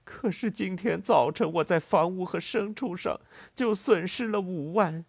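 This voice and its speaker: A greedy, bullying rich landowner rages in an audiobook, voiced by a man narrator. The voice is pushed high and loud, husky and dry, and bursts into blustering threats. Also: measured pace, dry recording, exaggerated voice. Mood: despairing. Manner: shouting, blustering, tearful with greed.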